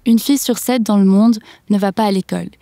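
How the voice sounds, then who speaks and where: A young adult woman hosting a podcast, reading a scripted introduction and asking interview questions in a measured, careful way. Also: medium pitch, gravelly, warm tone, dry recording, clean studio sound. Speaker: podcast host.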